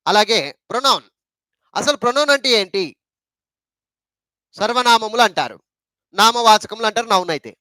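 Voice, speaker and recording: A man's voice: very high-pitched, animated, moderate pace, pauses often, bright, forceful tone, no room sound. A man with a Telugu accent teaching an English grammar lesson, repeating points and asking rhetorical questions.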